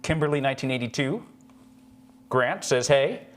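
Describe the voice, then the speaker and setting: A man's voice: medium pitch, moderate pace. A man from the Houston area co-hosting a casual live stream with dry, joking delivery. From Houston, Texas area. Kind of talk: casual livestream chat. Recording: background noise with hum.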